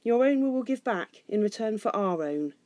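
A woman's voice: medium pitch, lively intonation, moderate pace, warm tone, no room sound, studio quality, close to an everyday voice. A woman playing a male human leader in a storybook, a firm, defiant negotiator speaking formally.

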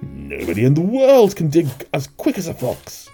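A man voicing a bold, excitable father fox in a storybook reading. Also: medium pitch, moderate pace, soft background music, pitched above the performer's own voice, lightly acted. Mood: urgent, commanding.

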